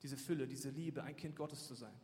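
A man giving a sermon, telling stories in a lively, joking way and speaking straight to his listeners. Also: mid-range voice, moderate pace, husky. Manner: lively, jokey storytelling with direct address. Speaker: preacher. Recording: long hall reverb.

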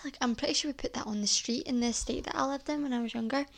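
A woman's voice: high-pitched, racing. A Scottish woman in her twenties hosting a solo podcast, chatting casually in a rambling way with lots of "like" and "um". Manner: chatty, rambling, heavy use of "like" and "um". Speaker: podcast host.

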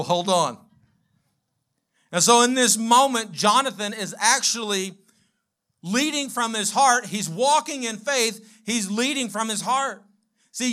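A man's voice: very high voice, pushed and bright. A man preaching a sermon as pastor, building with emphatic repeated lines and calling on the congregation to respond.

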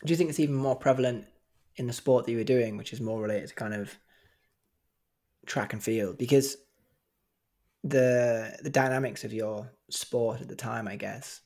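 A man's voice: mid-range voice, normal speed, pauses often, darkish tone. A man hosting a podcast, asking long rambling questions full of fillers and restarts. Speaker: podcast host. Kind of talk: casual interview questioning.

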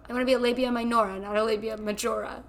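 A woman's voice: fairly high pitch, flat delivery, rapid-fire, a little hiss or hum. A young woman with a slightly raised voice, co-hosting a podcast from her kitchen table at home. She talks bluntly and sardonically, tossing in crude jokes. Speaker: podcast co-host. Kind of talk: casual chat.

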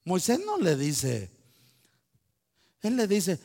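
High-voiced preacher in a hall. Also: male voice, takes it slowly, vocal fry. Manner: animated, addresses the congregation directly. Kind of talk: sermon. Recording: long hall reverb.

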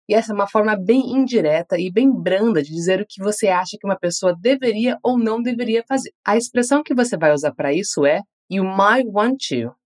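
A woman with a Brazilian Portuguese accent teaches English, saying model phrases slowly for learners to repeat and praising them after each drill. Her voice is medium in pitch and a little mellow.

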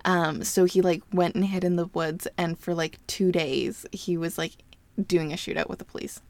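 Gravelly-voiced woman podcaster. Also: fairly low pitch, steady tone, moderate pace, darkish tone, dry recording. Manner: chatty, filler-heavy, laughs often. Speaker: podcast co-host. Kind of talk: casual true-crime chat.

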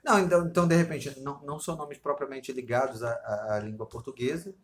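A laid-back Brazilian man co-hosting a casual podcast. His voice sits in an ordinary middle range, and he drifts through his stories with relaxed, agreeable replies and casual swearing. A faint room ambience sits behind him. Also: mid-range voice, fast, slight background noise. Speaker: podcast co-host. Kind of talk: casual chat.

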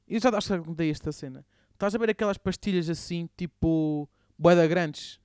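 Slangy young Portuguese man, smooth voice. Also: a little high, fairly quick, a little mellow, dry recording, studio quality. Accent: European Portuguese. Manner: slangy, rambling, filler-heavy. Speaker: podcast co-host. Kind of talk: casual chat.

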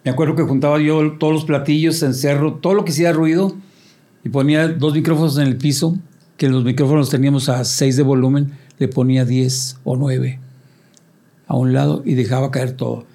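An older man telling lively stories as a band member, acting out quoted voices and sound effects in casual talk. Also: medium pitch, brisk. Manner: animated storyteller, acts out quotes and sound effects. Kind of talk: casual storytelling interview.

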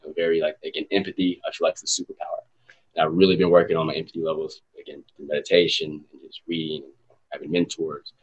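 Deep-voiced young man, thoughtful. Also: little pitch movement, fast talker, breathy edge, lo-fi sound. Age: 20s. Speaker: podcast guest. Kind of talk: casual interview chat.

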